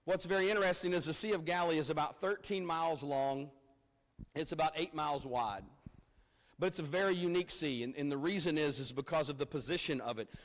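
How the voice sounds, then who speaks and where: A man's voice: a little high, fairly quick. A man preaching a sermon at a pulpit microphone in a church, in a conversational way with frequent repeated words. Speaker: pastor. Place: church sanctuary. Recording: long reverb of a church hall.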